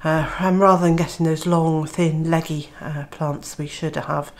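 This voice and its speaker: Down with a cold, a woman from Wales sounds nasal and throaty as she talks to camera about her homestead in a low, fairly even voice, a little slowly. She's chatty and says "uh" a lot, and there's a little hiss or hum.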